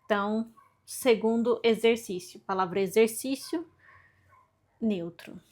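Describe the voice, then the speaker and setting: A woman's voice: fairly high pitch, measured pace, darkish tone. A woman vlogging informally about her language studies, chatty and self-deprecating as she thinks aloud while working through her exercises. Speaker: book vlogger. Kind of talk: informal study vlog.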